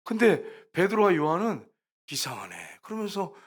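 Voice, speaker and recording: Higher-voiced storytelling male pastor. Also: animated, brisk. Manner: storytelling preacher, acts out quoted voices, rising to emphatic peaks. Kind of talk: sermon.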